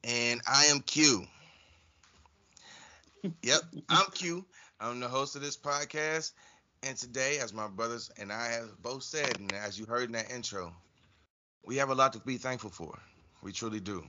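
A man's voice: mid-range voice, moderate pace, bright, forceful tone. A man hosting a casual podcast, addressing listeners directly. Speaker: podcast host.

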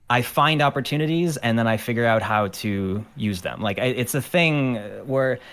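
A podcast guest from Ukraine, an animator and musician, talks casually about his art career in an interview. The man's medium-pitched voice is clean and fairly bright. He rambles, restarting often and using many fillers.

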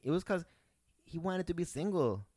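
A young man from Peru, a comedian, telling rambling, animated stories in a casual podcast chat. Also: on the high side, moderate pace, breathy edge, no echo, studio quality. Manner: rambling, animated storytelling with restarts. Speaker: guest comedian.

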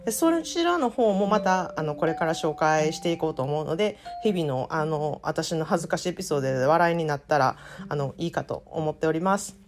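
A woman from Japan with a Kansai accent, hosting a casual solo podcast and telling self-deprecating stories in a chatty, animated way. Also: low-pitched, brisk, hardly any pauses, faint music behind. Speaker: podcast host.

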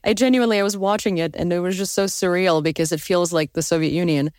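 A young woman from Ukraine hosting a casual interview conversation, animated and quick to laugh. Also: no echo, clean studio sound. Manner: animated, laughs often, rising pitch when excited. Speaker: host.

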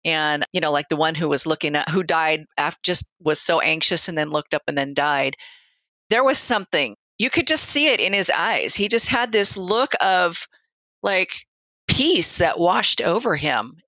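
A woman with a bright, slightly low voice talks conversationally as a hospice nurse. She tells anecdotes reflectively and voices the exchanges she quotes. The sound is close and dry. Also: lively intonation, moderate pace, no room sound, low-quality recording. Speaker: hospice nurse, interview guest. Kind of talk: conversational storytelling.

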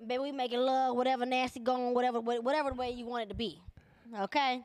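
Sassy high-pitched woman panelist. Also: fairly even intonation, fast. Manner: laughing, sassy, playful. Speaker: panel guest. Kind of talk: casual podcast banter.

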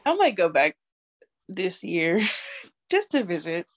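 A woman's voice: lowish voice, very animated, slow. A woman co-hosting a podcast in casual chat, hesitant and filler-heavy, often laughing. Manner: hesitant, lots of "like" and "I don't know", laughs often. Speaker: podcast co-host.

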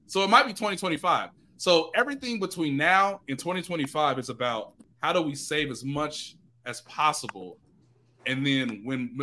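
A man talking as a sports reporter guest in a casual podcast chat, animated and excitable, jumping up in pitch for emphasis.

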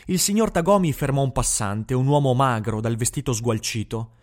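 A man giving a measured, expressive reading of a novel as audiobook narration. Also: mid-range voice.

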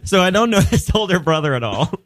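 A man telling a casual comic story in a halting, self-deprecating, conversational way. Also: high voice, sing-song.

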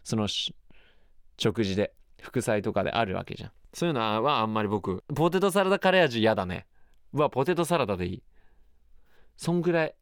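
A man's voice: lowish voice, animated, a little fast, clear, resonant tone, no room sound, clean studio sound. A man hosting his own radio show, chatting casually and musing aloud in a rambling way. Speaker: radio host. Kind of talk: casual solo radio talk.

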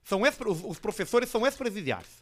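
A man's voice: sits high, sing-song, quick pace, soft background music. Man doing a pompous smug entrepreneur. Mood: smug lecturing. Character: smug self-styled male entrepreneur, pompous. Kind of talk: improvised comedy bit.

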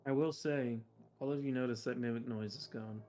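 A man, narrating a tabletop game as game master in a relaxed, easygoing way. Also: medium pitch, brisk, faint music behind.

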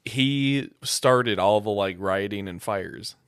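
A man's voice: lowish voice, slow pace, smooth, no echo, clean studio sound. A man in his thirties co-hosting a podcast in casual chat, teasing and contradicting his friends. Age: 30s. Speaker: podcast co-host.

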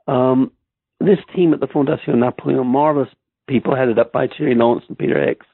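A man's voice: medium pitch, steady tone, fairly quick, gravelly, slightly rough, dry recording. A man with an Irish accent, a historian being interviewed on a podcast, who talks in a hesitant way with many ums and restarts. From Ireland. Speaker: guest historian. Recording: tinny phone-like line.

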